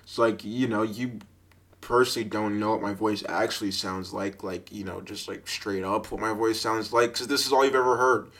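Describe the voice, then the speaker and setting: On his easygoing solo podcast, a deep-voiced young man tells stories that wander and bounce with energy, laughing and filling gaps with filler words. He keeps a moderate pace, speaking into a cheap mic with a sock pop filter.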